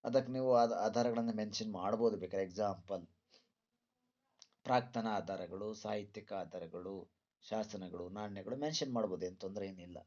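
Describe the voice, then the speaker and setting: Speaking at normal speed with a fairly low, darkish voice, a male teacher walks students through exam questions. He lectures didactically, repeats points, asks rhetorical questions, and is recorded with dull lo-fi sound.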